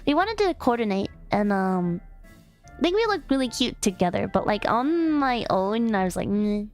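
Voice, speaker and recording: A young woman chats casually on her livestream, giggling and rambling with plenty of fillers and restarts, playful and affectionate toward her chat. Her mid-range voice is very animated and darkish in tone, at a normal speed. Faint music plays in the background.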